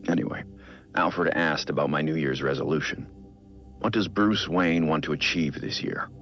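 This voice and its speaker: A man acting an earnest, brooding vigilante in a video game audio log, speaking in a measured, reflective, confiding way with a gravelly, very deep voice. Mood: weary, introspective. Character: Bruce Wayne as Batman, brooding, earnest, cautiously hopeful vigilante. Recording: dull game audio with music behind.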